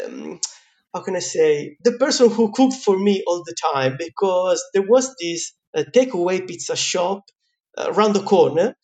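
A man with an Italian accent, a guest in an interview, telling his story in a chatty way with many fillers and frequent laughs. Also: high-pitched. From Italy. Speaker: guest, pizza teacher.

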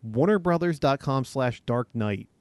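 A man's voice: medium pitch, animated, measured pace, darkish tone, no room sound. A man hosting a casual podcast, reading out news stories with frequent laughs and ums. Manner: reads stories with laughs and fillers.

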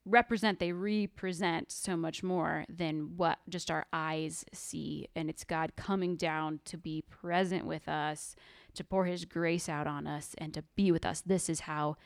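A woman's voice: sits low, fairly even intonation, unhurried, gravelly, no room sound, clean studio sound. Earnest woman podcast co-host. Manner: earnest, many "like" fillers. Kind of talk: casual faith podcast chat.

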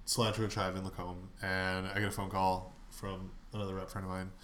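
A man's voice: deep voice, completely flat delivery, fairly quick, heavy background noise. A man chatting casually on a podcast, easygoing and agreeable, telling anecdotes. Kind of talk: casual chat.

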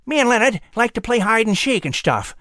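A man's voice: extremely high pitch, big pitch swings, fairly quick, sharp tone, no echo, clean studio sound, voice pushed up, heavily acted. A man voicing an eager young male flying squirrel who talks with a whistling lisp through his buck teeth. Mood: playful. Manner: eager, chatty, boastful.

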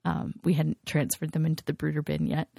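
Gravelly, giggly woman gushing casually. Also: sits low, steady tone, brisk, warm tone, no echo, studio quality. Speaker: podcast co-host. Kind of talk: casual chat.

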